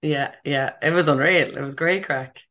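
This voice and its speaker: A woman's voice: low voice, moderate pace, fairly bright tone. A young woman from the west of Ireland with that region's accent, chatting casually and informally as an interview guest, with slang and swearing. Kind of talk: casual chat.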